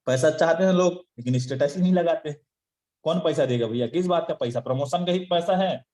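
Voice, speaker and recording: High-voiced man lecturing in an echoey room. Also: fairly quick, a little mellow. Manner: scolding, rhetorical questions, chuckling asides. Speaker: network marketing trainer. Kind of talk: motivational training talk.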